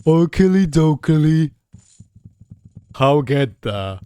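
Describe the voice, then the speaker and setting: A hulking, slow-witted ogre from a fantasy game, put on by a man. He speaks in a slow, dopey cartoon bellow and uses very few words. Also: a little high, sing-song, dark tone, clean tone, no room sound, studio quality. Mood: dopey, eager.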